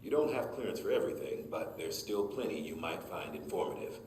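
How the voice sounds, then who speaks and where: An actor playing a steady male official who gives a formal, informative briefing in a video game. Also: sits low, brisk, slight background noise. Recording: echoey game audio with faint ambience.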